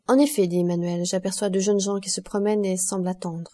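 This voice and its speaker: A calm young man pointing out what he sees, read by a woman. He speaks plainly and observantly. Mellow audiobook reading. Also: mid-range voice, fast talker, natural voice.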